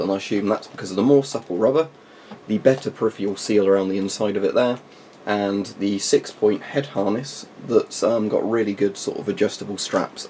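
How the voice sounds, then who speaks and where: A man's voice: on the low side, darkish tone. A man reviewing military surplus gear in a casual, unscripted way, explaining informally with rambling asides. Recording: faint background noise.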